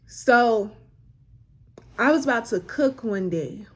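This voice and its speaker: A woman's voice: fairly high pitch, expressive, takes it slowly. A woman, sharing a personal faith story in a casual, emotional way, close to tears and repeating phrases for emphasis. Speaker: vlogger sharing a faith testimony.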